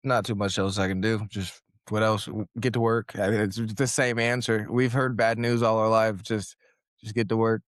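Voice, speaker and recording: A man's voice: fairly low pitch, flat delivery, moderate pace, dry recording, studio quality. A young man, a guest fighter, telling a story in a casual interview and acting out his own quotes.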